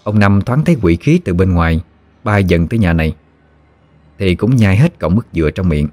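A man with a Southern Vietnamese accent narrating a scripted horror story in a steady, measured way. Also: low voice, no echo, soft background music.

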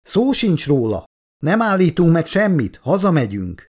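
A man's voice: on the high side, wildly swooping pitch, darkish tone, voice pushed up, exaggerated voice. A man reading an audiobook, voicing a domineering female commander who barks orders. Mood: commanding. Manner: commanding, shrieking. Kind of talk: audiobook character voice.

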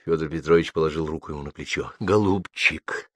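Very deep-voiced male narrator. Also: no room sound. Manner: measured, literary storytelling. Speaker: audiobook narrator. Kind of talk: scripted narration.

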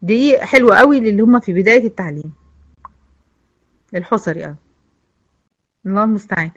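A woman with an Egyptian accent teaching an online tajweed lesson, patiently repeating words and modelling slow recitation. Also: medium pitch, animated, highs cut off. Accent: Egyptian Arabic.

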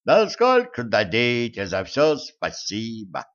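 A man voicing a gruff male graveyard master disguised as a fortune-teller, talking in a slow, folksy, commanding way. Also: medium pitch, huge pitch swings, fairly bright tone, dull audio, heavily acted.

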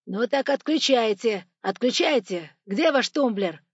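A woman reading a story aloud, voicing a stern masked male robber who threatens and shouts. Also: medium pitch, steady tone, measured pace, creaky, dry recording, muffled recording. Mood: menacing.

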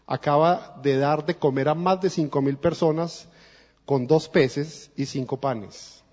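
A man's voice: fairly high pitch, a little slow, darkish tone. A man with a Colombian accent preaching a sermon as a guest preacher, speaking earnestly and directly to the congregation. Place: church. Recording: dull lo-fi recording in a reverberant church.

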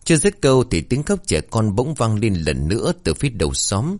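A man narrates a spooky folk tale, building suspense. His voice is very deep yet moves a lot in pitch. The recording is dry and close. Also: big pitch swings, brisk, darkish tone, no room sound. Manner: dramatic, suspenseful. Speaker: storyteller. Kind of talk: scripted horror story narration.

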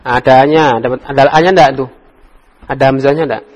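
A man teaching Arabic grammar in a casual classroom lesson, relaxed and joking as he coaxes students by name. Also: mid-range voice, fast, muffled recording. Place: study circle classroom.

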